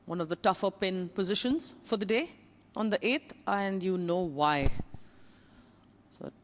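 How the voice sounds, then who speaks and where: Slow, unhurried golf commentator. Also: medium pitch, expressive, fairly bright tone. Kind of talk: live golf tournament commentary.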